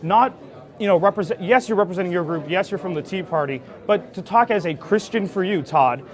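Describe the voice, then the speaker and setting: A man's voice: high-pitched, animated, brisk. A young man hosting broadcast news and political commentary in a conversational, emphatic presenter's delivery. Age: young adult.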